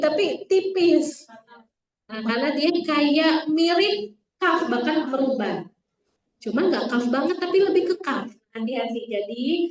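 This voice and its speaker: A woman's voice: on the high side, darkish tone. Woman teaching Quran letters in an echoey room. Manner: repeats letter sounds to demonstrate, asks the class questions. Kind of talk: classroom tajwid lesson. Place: classroom with some students online. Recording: echoey room, mic at a distance.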